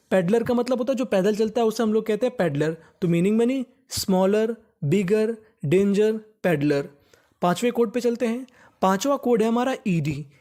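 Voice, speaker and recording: A man teaches English phonics, spelling each word out slowly and then saying it twice in a lower voice. He asks the class short questions and answers them himself, and his voice is a little mellow.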